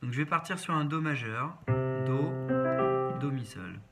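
Giving a step-by-step piano tutorial, a man names notes one by one in brief instructional phrases. His mid-range voice is animated and unhurried, and keyboard piano playing sounds over his speech.

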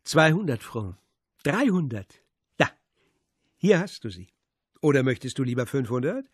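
A man's voice: mid-range voice, very animated, moderate pace, slightly rough, dry recording, clean studio sound. A man playing a sneering, contemptuous foreigner. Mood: taunting. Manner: mocking and contemptuous. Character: sneering, cruel Czech man taunting a detective.

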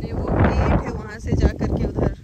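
A woman's voice: on the high side, fairly even intonation, a little slow, muffled recording. A woman in her thirties chatting casually to the viewer in a travel vlog, recorded outdoors on a phone at arm's length. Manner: chatty, explaining plans to the viewer. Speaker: vlogger. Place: outdoors in a windy town and lakeside. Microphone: phone camera held at arm's length. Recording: outdoor noise behind the voice.

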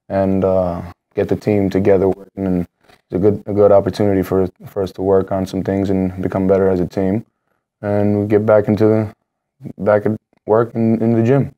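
A young college basketball player giving halting postgame answers at a press table, full of fillers and restarts. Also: male voice, on the low side, warm tone, muffled recording. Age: young adult. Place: press room in front of a team backdrop.

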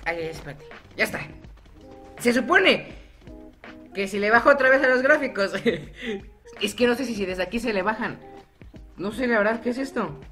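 Young guy narrating his game, bright voice, jokey and chatty, a bit of music behind. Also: sits high, lively intonation, normal speed, pauses often. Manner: chatty, self-mocking, laughs often, sings goofy bits. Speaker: gaming YouTuber. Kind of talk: casual gameplay commentary.

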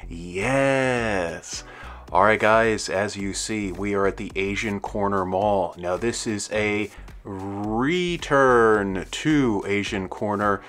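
A deep-voiced middle-aged man narrates as he walks through an empty outdoor parking lot, recording on a handheld camera. He speaks in a loose, rambling, chatty way, dropping shout-outs as he goes. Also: takes it slowly. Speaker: dead mall video host. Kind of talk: walking tour commentary. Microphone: handheld camera, filming as he walks.

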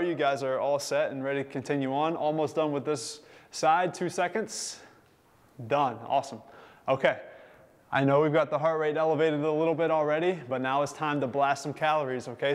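Upbeat man coaching a workout. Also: a little high. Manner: upbeat, encouraging, counting down time. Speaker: fitness instructor.

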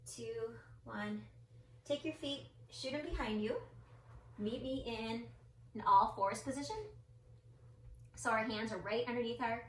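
A woman teaching yoga indoors with a slightly high voice, giving gentle, encouraging cues and counting down each pose. She sounds roomy and set back from the mic, with a faint hum of ambience behind her. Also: distant mic. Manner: playful with her child. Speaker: yoga instructor. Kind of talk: guided family yoga class. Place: indoor room with a mirror and mat or carpet.

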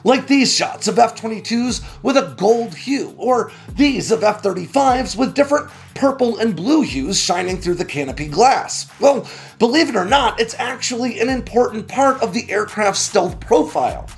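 A man in his forties hosting a defense news explainer, reading a script with a lively, conversational delivery from a small home studio. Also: high voice, normal speed, creaky, faint music behind. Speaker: host of a defense news channel.

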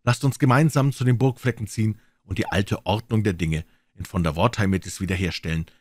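A man reading a classic story aloud in a theatrical, lively storytelling manner. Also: on the low side, brisk, no echo. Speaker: audiobook reader. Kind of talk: scripted story narration.

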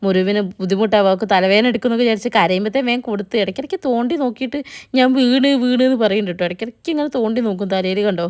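A young woman talks quickly through a casual vlog voice-over, chatty and direct with her viewers. Her pitch sits in an ordinary middle range. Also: darkish tone. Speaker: vlogger narrating.

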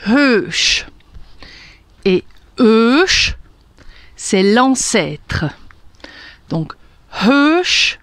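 A woman's voice: fairly high pitch, no echo. A woman with a Hungarian accent teaching a language lesson, carefully repeating words one at a time and laughing lightly now and then. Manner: slow, careful pronunciation drills with light laughter.

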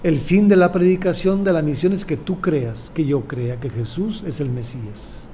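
An older man, a bishop with a Mexican Spanish accent, preaching a sermon in a slow, measured way and repeating his phrases. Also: fairly high pitch, dark tone, a little hiss or hum.

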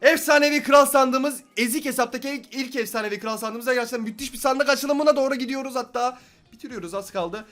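A young man giving excited gameplay commentary as a gaming YouTuber, swinging between shouting and muttering to himself. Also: extremely high pitch, a little fast, faint music behind.

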